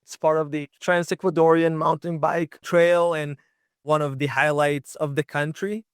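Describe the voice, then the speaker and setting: A man's voice: fairly high pitch, little pitch movement, normal speed, clean tone, no echo, clean studio sound. A young man from Israel, a guest telling travel stories in an easygoing, chatty way with many fillers. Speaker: guest, long-distance bicycle traveler. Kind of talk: casual interview storytelling.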